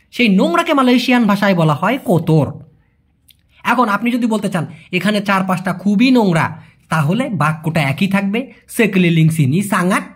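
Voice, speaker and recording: A man with a husky voice and a lively, rising-and-falling pitch teaching vocabulary. He says each word slowly and repeats it, and he talks in a chatty tone. He keeps checking on the listener with rhetorical questions. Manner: drills words slowly, repeats them and asks the listener to repeat. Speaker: language teacher. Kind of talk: Bengali-language lesson teaching Malay phrases.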